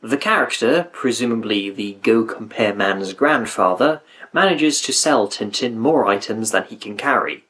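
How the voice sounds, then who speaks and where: A man's voice: on the low side, lively intonation, normal speed, a bit bright. A man reading scripted review narration with dry, critical asides. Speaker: video essay narrator.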